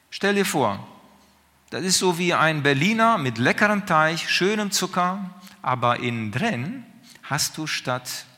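Male preacher, chatty sermon, keeps asking "right?", bright voice, reverberant hall. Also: a little high. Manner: questioning, conversational, drawn-out pauses.

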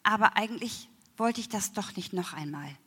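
Woman, bright tense tone, emotional testimony, slow hushed passages, reverberant church hall. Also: mid-range voice, animated, breathy edge. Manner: emotional, slows down and drops to near whispers. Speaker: church member giving testimony. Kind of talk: personal faith testimony.

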